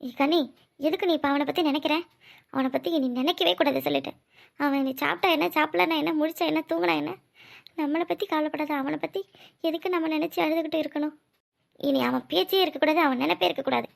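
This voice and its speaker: A woman's voice: very high-pitched, fast talker, a bit bright. A woman voicing a gossipy, easily frightened village neighbour in a cartoon, who chatters and shrieks. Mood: scolding. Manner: chattering rural speech, shrieking when scared. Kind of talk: cartoon voice acting.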